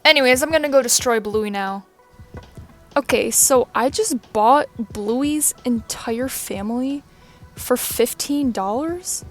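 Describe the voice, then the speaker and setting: A young woman talks fast and blunt into a phone in a windy backyard, swearing and getting excited. Her voice sits a little high, with faint music underneath. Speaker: vlogger. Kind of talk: casual chat to camera. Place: sunny, windy backyard outdoors. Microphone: phone held by hand.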